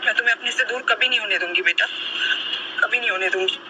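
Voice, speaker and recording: A woman playing an anxious, long-suffering wife and mother who speaks softly and tenderly to her child and wearily to her husband. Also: medium pitch, quick pace, very noisy, natural voice. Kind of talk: short social-media drama. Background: loud background music.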